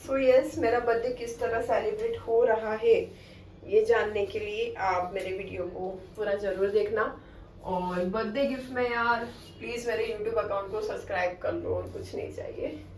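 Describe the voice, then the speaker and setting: A woman's voice: mid-range voice, fairly even intonation, normal speed, a little mellow. A young woman talking casually to her viewers in a chatty home vlog. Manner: chatty, addresses viewers directly. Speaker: vlogger. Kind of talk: casual vlog talk to camera. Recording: echoey room, voice a bit far from the mic, faint background hum.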